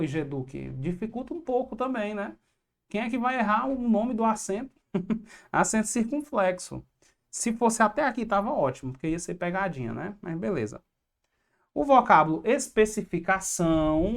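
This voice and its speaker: A woman with a fairly low voice teaches an online exam-prep class. She walks through each answer step by step, poses questions and answers them herself. She drops in chatty asides to her students. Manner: explanatory, asks and answers own questions.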